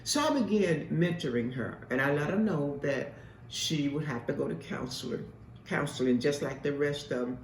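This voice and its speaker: A woman host and mentor gives a spoken testimony in an emphatic, repetitive, preacher-like style. Her low-pitched voice is animated at a normal speed. She's recorded from a distance in an echoey room, with a little hiss or hum.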